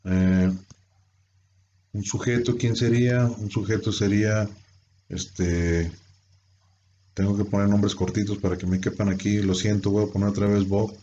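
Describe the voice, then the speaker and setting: Low, dark-voiced male teacher. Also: a little hiss or hum. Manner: explains step by step with rhetorical questions. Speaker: English teacher. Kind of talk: classroom grammar lesson. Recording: dull lo-fi sound.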